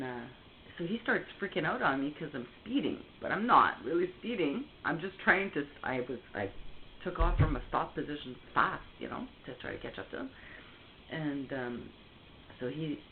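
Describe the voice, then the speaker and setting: A woman, telling a story casually and heatedly on a call, swearing often and restarting her sentences. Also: low voice. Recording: tinny phone line, faint hiss.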